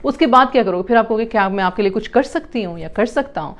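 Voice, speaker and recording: A woman's voice: on the high side, animated, dull audio. A woman explaining communication to parents, mixing in English terms and acting out example lines.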